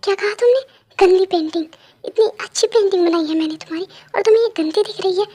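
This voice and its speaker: A woman's voice: extremely high pitch, fast, warm tone. A woman voicing a playful but easily offended young woman in a fan dub. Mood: pouting.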